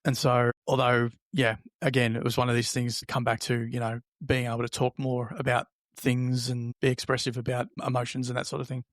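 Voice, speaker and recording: A man appearing as an interview guest tells a personal story in a halting, reflective, conversational way, acting out remarks he remembers. His mid-range voice is delivered flatly on a dry, clean studio recording.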